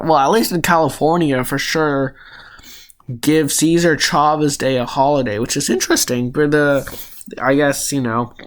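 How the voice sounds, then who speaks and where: A young man from the United States hosting his gaming channel, giving chatty, unhurried commentary as he plays a word game and gets easily rattled. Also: a little high. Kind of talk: casual commentary while playing a word game.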